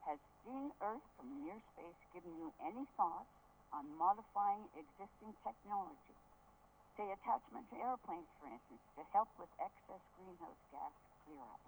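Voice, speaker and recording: A woman's voice: mid-range voice, expressive, moderate pace, gravelly. An older woman putting prepared questions to a guest over a relayed line. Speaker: audience member asking questions. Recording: faintly noisy relayed line.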